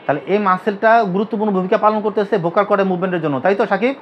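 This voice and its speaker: His voice sits high with fairly even intonation, and he talks rapid-fire while teaching anatomy. The speaker is a physiotherapy teacher from Bangladesh who drills students with repeated questions, having them repeat terms back. Slight background noise comes through the dull, lo-fi recording.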